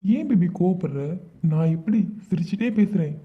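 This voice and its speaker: Brash young male student for a cartoon, voiced by a woman; low, smug, teasing, lo-fi phone quality. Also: animated, moderate pace, a little hiss or hum, lightly acted. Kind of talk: cartoon voice acting. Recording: tinny phone-like sound.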